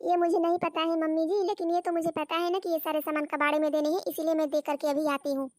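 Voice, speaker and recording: A woman's voice: very high voice, flat delivery, fast, a little mellow, dry recording, studio quality. A woman voicing a stubborn, scatterbrained young daughter-in-law in a cartoon story, chatty and insistent. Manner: chatty, insistent, explaining at length. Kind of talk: Hindi cartoon story voice acting.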